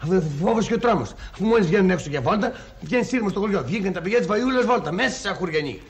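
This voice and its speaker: An actor playing a grumpy village husband who rants sarcastically and yells insults. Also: male voice, high voice, expressive. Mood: grumbling. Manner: ranting, sarcastic, yelling insults.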